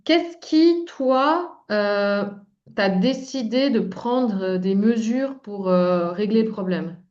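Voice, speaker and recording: The sound is dull and lo-fi. A woman with a medium-pitched voice conducts an informal interview, building her questions haltingly, piece by piece. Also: darkish tone. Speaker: interviewer, coach.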